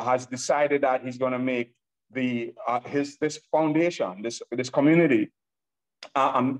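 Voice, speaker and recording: The audio is poor as a medium-pitched Nigerian man runs an online business webinar on a laptop video call. His sales presentation is eager and hype-heavy, with repeated lines and frequent shout-outs to the "ladies and gentlemen" watching.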